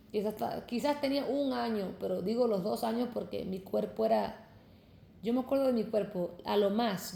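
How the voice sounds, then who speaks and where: A woman's voice: medium pitch, vocal fry, mellow, reverberant, a little hiss or hum. Fervent Cuban-born woman preaching. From Cuba. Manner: fervent, addresses listeners as brothers. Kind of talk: preaching testimony to camera.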